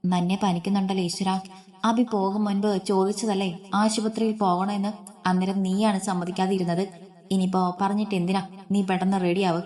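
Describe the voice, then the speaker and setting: A woman voicing a worried older grandmother who frets and scolds in quick, anxious speech. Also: medium pitch, flat delivery, a little mellow, lightly acted. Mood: fretful.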